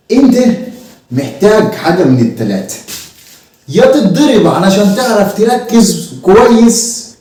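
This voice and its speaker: A man's voice: sits high, mellow. A man with an Egyptian accent playing an exasperated teacher who lectures, mocks and threatens his pupil in a comedy sketch. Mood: mocking. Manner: mocking, threatening, preachy. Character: exasperated, stick-wielding male teacher. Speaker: comic actor. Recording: echoey room, mic far off.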